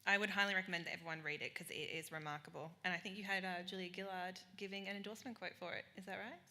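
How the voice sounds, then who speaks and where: A woman moderating a live panel talk, enthusiastic and quick with jokey asides. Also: on the low side, steady tone, sharp tone.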